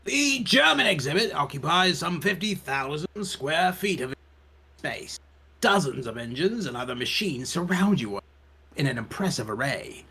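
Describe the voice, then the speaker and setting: A man's voice: fairly high pitch, big pitch swings, a little slow, bright, forceful tone, breathy edge. A man reading game text aloud for a let's play from home, his voice glitching and cutting out over a voice chat call. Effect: voice glitching and cutting out over an online call. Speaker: let's player. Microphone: voice chat mic.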